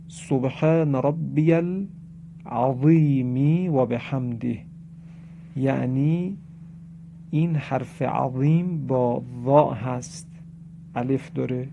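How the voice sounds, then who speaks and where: A man's voice: on the high side, vocal fry, warm tone. A man teaching a religious lesson on correct Quran pronunciation, explaining in a lecturing way and reciting Arabic examples. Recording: dull lo-fi recording with faint noise.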